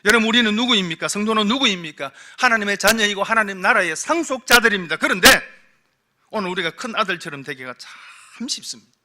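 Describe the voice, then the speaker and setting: A man preaches a Sunday sermon from the pulpit of a church, speaking in a high, bright and forceful voice. He keeps putting rhetorical questions to his congregation. His delivery swings between loud, pressing emphasis and hushed, low stretches. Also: lively intonation, fast talker. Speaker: pastor. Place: church sanctuary.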